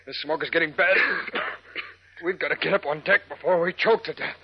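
An actor playing a level-headed crime-fighting hero, giving clipped, urgent orders in 1940s radio style. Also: male voice, a little high, quick pace, breathy edge. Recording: muffled old radio recording.

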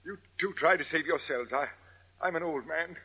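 An actor voicing a weakened, indignant old English gentleman with a British accent and a stammering, blustering manner in 1940s radio style. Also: fairly high pitch, normal speed, slightly rough. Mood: weak, pleading. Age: older. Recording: muffled vintage radio drama recording.

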